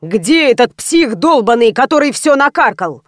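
A coarse, hot-tempered young security guard, read by a woman narrator, snapping insults in a fairly high voice with a close, dry sound. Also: big pitch swings, normal speed, dry recording. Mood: furious. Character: rude angry young male security guard.

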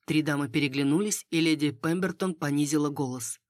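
A woman narrating a novel in the first person in a steady, even storytelling manner. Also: low-pitched, fairly quick, no room sound, clean studio sound. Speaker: audiobook narrator.

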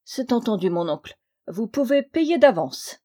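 A charming young rogue of a nephew who coaxes and flatters his rich uncle, as a woman reads him in an audiobook. His voice sounds mellow and warm, lifted with eager charm. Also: on the high side, unhurried. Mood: wheedling. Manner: wheedling, coaxing. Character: charming, roguish young male diplomat nephew. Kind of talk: audiobook reading.

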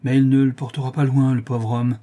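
A man voicing a sad valet who speaks quietly and sorrowfully in a classic novel reading. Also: medium pitch, little pitch movement, fairly quick, natural voice. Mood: hushed, sad. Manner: hushed, sorrowful. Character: sad, whispering older valet.

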